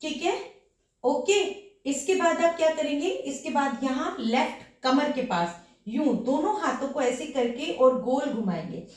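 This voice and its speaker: A slightly hoarse woman teaching dance steps, counting the beats aloud as she demonstrates each move. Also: high-pitched, lively intonation, unhurried, darkish tone. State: slightly hoarse sore throat. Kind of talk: step-by-step dance instruction with counting. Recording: very echoey room, voice from a distance.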